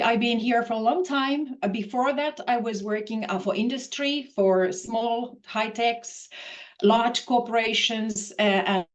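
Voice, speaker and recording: Professor woman, thoughtful, high voice. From Finland. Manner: thoughtful, with frequent fillers and restarts. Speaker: professor, interview guest. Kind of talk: video-call interview.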